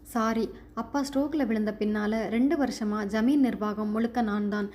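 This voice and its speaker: A woman's voice: on the high side, fairly even intonation, moderate pace, darkish tone, close to an everyday voice. A woman voicing a composed young woman who runs an estate and speaks frankly, in a storybook reading. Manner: direct, composed. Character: young woman running an estate, calm and perceptive.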